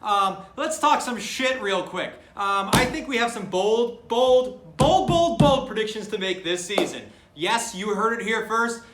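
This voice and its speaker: A man playing a cocky, boisterous color commentator who trash-talks loudly in an echoey room. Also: high-pitched, unhurried, hardly any pauses, background noise, voice pushed up. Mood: brash. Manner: loud, boisterous trash talk. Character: brash loud male sports commentator, cocky.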